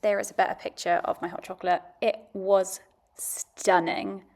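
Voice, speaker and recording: A woman's voice: medium pitch, flat delivery, moderate pace, darkish tone. A woman giving a casual, chatty, understated voice-over review as a food and travel vlogger.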